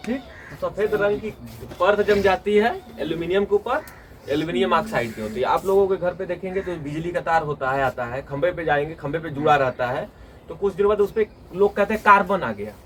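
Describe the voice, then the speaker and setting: A man's voice: high-pitched, a little fast, distant mic, slight background noise. Man teaching a class. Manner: asks students questions and has them answer back. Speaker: tuition teacher. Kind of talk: classroom lecture with questions to students. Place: small classroom with students. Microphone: phone recording the class.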